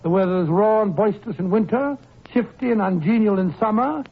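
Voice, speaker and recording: An actor playing Doctor Watson, an older gentleman who tells stories heartily, in a 1940s radio drama. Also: high voice, a little fast. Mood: storytelling. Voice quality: hearty, declamatory storytelling. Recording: tinny 1940s radio broadcast with hiss.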